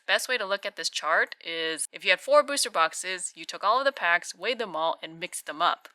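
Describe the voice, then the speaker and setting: A woman giving casual, unscripted commentary as a card-opening host, moving between quiet murmurs and louder exclamations. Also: on the low side, smooth, dry recording.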